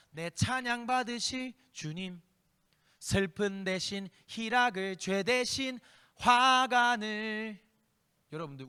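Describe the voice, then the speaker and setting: Man, youth pastor, impassioned sermon, emphatic repetition, high lively voice, long church reverb. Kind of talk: sermon and prayer. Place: church worship hall.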